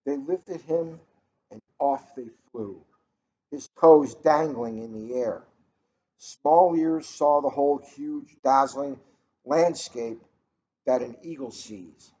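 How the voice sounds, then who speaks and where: Mid-range in pitch, dark in tone, and slow, this middle-aged man is a police officer reading from a storybook, stopping to chat casually between passages, captured in a muffled, noisy room.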